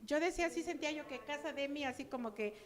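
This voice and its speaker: High-voiced older woman telling her story. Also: quick pace. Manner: chatty, acts out remembered dialogue. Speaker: church member giving testimony. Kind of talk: personal testimony to a congregation.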